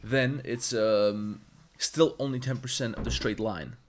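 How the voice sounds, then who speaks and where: A little slow and fairly even in intonation, this man's medium-pitched voice carries slight background noise. He's a Balkan-accented 3D artist, native in Serbo-Croatian, streaming a modeling tutorial and talking with his chat in a blunt, profane, rambling manner.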